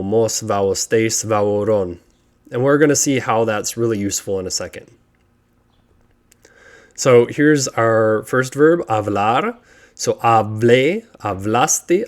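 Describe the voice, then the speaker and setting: Methodical man teaching verb endings. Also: fairly low pitch. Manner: methodical, chants conjugation patterns. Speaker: language teacher. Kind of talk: tutorial narration over slides.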